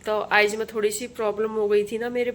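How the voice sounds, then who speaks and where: A young woman talks through her household chores in a relaxed, rambling vlog. Her voice sits at an ordinary middle pitch. The phone camera picks up a faint wash of home background noise. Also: fast. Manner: chatty, rambling, talks while doing chores. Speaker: vlogger. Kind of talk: casual home vlog chat. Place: home kitchen and rooms.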